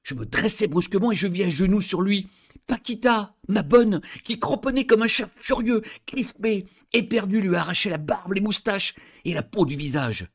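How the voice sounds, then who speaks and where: A man reading a story aloud as narrator in an expressive, dramatic way. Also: high-pitched, moderate pace.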